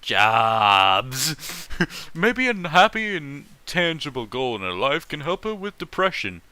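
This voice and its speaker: A man with a fairly high-pitched voice reads fan fiction slowly, with no echo in the audio. As the host, he interrupts himself for casual commentary that's animated, opinionated, and profane.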